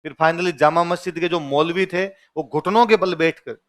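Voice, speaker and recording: Male teacher with a high voice, classroom lecture, repeats points in two languages, asks the class quick questions, tells stories playfully. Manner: lively storyteller, often laughing.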